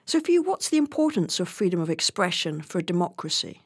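Woman podcast host, measured questions, dry close sound. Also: fairly low pitch, sing-song, slightly rough, no echo. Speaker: podcast host, program director. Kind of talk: podcast interview.

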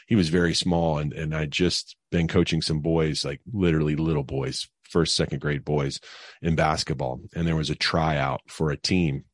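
A middle-aged financial advisor, appearing as a guest on an interview podcast, tells personal stories in a casual way, full of fillers and restarts. His bass voice is recorded with no echo.

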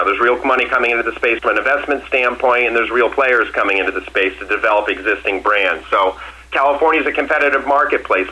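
A company executive from Massachusetts fields questions on an earnings call, confident and emphatic, often restarting and repeating phrases. His voice is medium-pitched with a sharp tone, and the recording is low quality.

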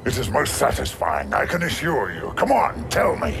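A man voicing a huge menacing male monster in a film clip, speaking slowly and coaxingly with a gravelly voice. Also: mid-range voice, wildly swooping pitch. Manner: slow, coaxing, relishing destruction. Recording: film clip with noisy background.

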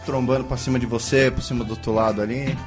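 A man's voice: medium pitch, steady tone, fast talker, soft background music. A Brazilian man recounting an outing in loose, slangy casual chat. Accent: Brazilian Portuguese.

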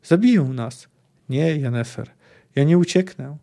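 Guy doing a young sorceress girl, clipped and stubborn, soft mellow voice, storybook read. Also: a little high, expressive, a little slow, creaky. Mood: cold. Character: frightened then resolute young female sorceress.

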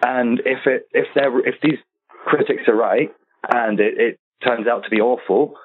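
A man who writes on the subject, chatting casually and quickly with filler words like "like" and "you know.". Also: medium pitch, husky. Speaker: co-host and writer. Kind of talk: casual podcast discussion. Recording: phone-like narrow sound.

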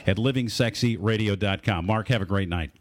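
A man's voice: fairly low pitch, brisk, dry recording. A man hosting a live talk radio show.

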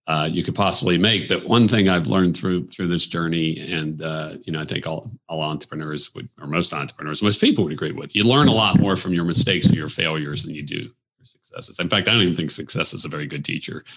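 A man in his fifties speaks as a guest in an office interview, his voice very low yet bright and forward. He tells his stories in a reflective, easygoing way, with plenty of fillers and restarts. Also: fast, a little hiss or hum. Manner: reflective, storytelling, frequent fillers. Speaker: podcast guest, entrepreneur. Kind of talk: conversational interview.

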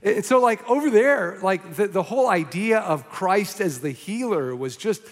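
A man preaching a sermon from a church stage, telling a story in an animated, rambling way, with many fillers and restarts. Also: high voice, moderate pace, big-room sound. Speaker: pastor.

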